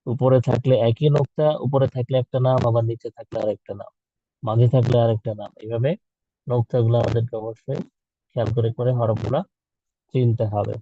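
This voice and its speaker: A man's voice: medium pitch, steady tone, fairly quick, dry recording, lo-fi sound. A man teaching children in an online class, patiently drawing out and repeating letter sounds for them to copy. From Bangladesh.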